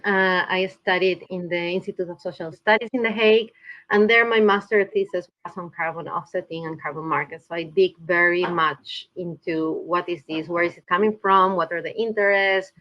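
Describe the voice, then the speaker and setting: Speaking as a remote podcast guest through a video call, a climate researcher from Peru keeps a steady tone and moderate pace in a fairly low voice, with dull audio. Thoughtful, she regularly restarts mid-thought while searching for words.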